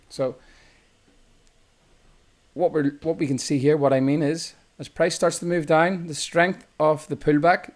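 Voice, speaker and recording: A man's voice: a little high, a little mellow. A man with an Irish accent, walking through a chart tutorial as a trading instructor in a loose, explanatory way, often correcting himself mid-sentence. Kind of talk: screen-recorded chart tutorial.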